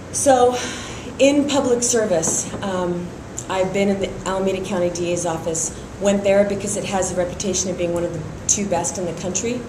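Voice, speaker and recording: A middle-aged woman from Iran who grew up in San Francisco speaks steadily in an endorsement interview as a candidate for district attorney, using frequent fillers. Her voice is on the low side, and the room is echoey with a noisy background.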